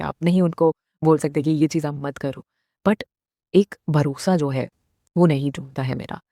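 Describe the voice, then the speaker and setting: This thirties-aged female vlogger delivers an earnest, motivational message to her audience, switching between Hindi and English phrases. She has a deep, warm voice and talks straight to viewers, posing questions to them. The audio is studio quality without echo.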